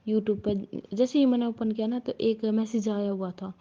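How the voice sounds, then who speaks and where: A woman's voice: mid-range voice, fairly even intonation, normal speed, dark tone. A woman, likely in her thirties, telling a personal devotional testimony to a congregation, hesitant with frequent restarts. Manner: hesitant, restarts often, addresses listeners as sangat ji. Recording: dull lo-fi recording.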